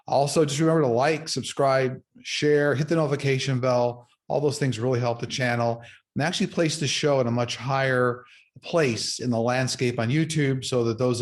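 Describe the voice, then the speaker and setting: A man hosts his own online show, speaking directly to his viewers in a relaxed, conversational way. He often stops to restart sentences and fills pauses with "uh." His voice sits at an ordinary middle pitch. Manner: conversational, frequent fillers and restarts. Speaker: psychic medium host. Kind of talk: casual monologue to viewers.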